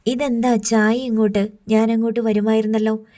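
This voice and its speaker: A woman voicing a gentle middle-aged father who speaks mildly and reasons with his wife. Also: fairly high pitch, flat delivery, normal speed, close to an everyday voice. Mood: calm concern.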